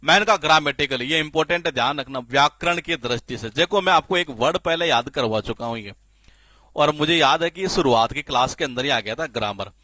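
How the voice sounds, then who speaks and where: A man teaching spelling in a classroom-style lecture, lively and repetitive, often asking the class questions and answering them himself. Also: on the high side, brisk, dry recording. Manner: lively, repeats questions to the class, frequent filler "ye".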